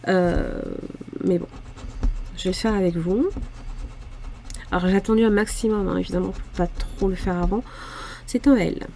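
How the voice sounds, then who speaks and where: A woman's voice: medium pitch, fairly even intonation, normal speed, creaky, pauses often, mellow, a little hiss or hum. A woman in her forties with a southern French accent, chatting casually about her budget challenges and muttering little asides as she sorts her cash. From France. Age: 40s. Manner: chatty, self-deprecating, muttering asides while handling cash. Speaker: budgeting vlogger. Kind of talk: casual talk to camera while filling savings challenges.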